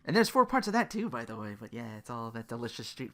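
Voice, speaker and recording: A podcast host and content creator rambles casually, sardonic and profane, often acting out quotes as part of the commentary. The voice is medium-pitched and fast with big pitch swings, and background noise can be heard.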